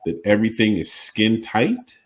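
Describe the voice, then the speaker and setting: A podcast co-host with a fairly low voice and huge pitch swings talks casually and emphatically at a moderate pace, often asking "you know what I mean." The recording is low quality.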